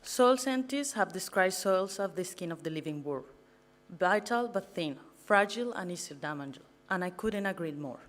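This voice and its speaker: At an event venue, a young Colombian master's student gives a prepared talk to an audience as a guest speaker, in a Colombian Spanish accent. Her lowish voice is animated and moderately paced; she comes across earnest and a little nervous, stumbling on some words.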